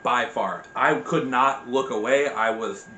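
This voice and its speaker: A man's voice: mid-range voice, measured pace, pushed and bright. A man in his thirties chatting casually as co-host, blunt and opinionated, swearing freely. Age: 30s. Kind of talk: casual chat. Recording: echoey room with faint noise.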